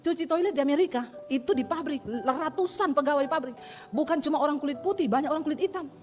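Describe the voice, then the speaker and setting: A woman pastor preaching a lively, humorous sermon to her congregation, telling stories from her own life. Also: high voice, fast talker. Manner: lively, humorous storytelling, addresses congregation as saudara. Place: church hall. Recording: reverberant hall with faint music.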